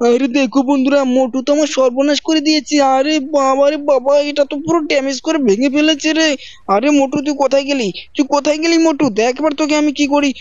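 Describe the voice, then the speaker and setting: A gaming channel host narrating gameplay and scolding characters in a loud, theatrical role-play. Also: sits high, steady tone, quick pace, dry recording. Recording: dry, dull lo-fi mic.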